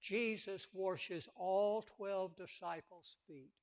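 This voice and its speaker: A man's voice: high-pitched, slow pace. A man preaching a sermon with passion, repeating words for emphasis and acting out quotes.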